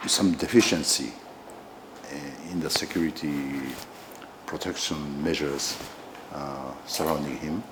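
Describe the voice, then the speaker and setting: Very deep, slow Japanese-accented man. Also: steady tone, noisy background. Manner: halting, hesitant, broken phrasing. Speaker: ambassador being interviewed. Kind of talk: formal interview answers.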